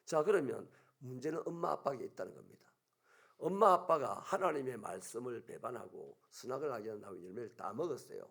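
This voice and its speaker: A pastor with a Gyeongsang accent preaches with animated storytelling, and his voice swings widely up and down. The tone is gravelly and a bit husky, and it sits somewhat high for a man. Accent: Gyeongsang Korean. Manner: animated storytelling, acting out scenes. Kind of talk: sermon. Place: church sanctuary.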